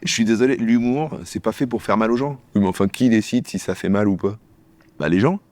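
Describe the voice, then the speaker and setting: Male sketch comedian, low register, rapid-fire bickering delivery, dry close sound. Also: darkish tone, no echo. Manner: quick, bickering back-and-forth between two characters.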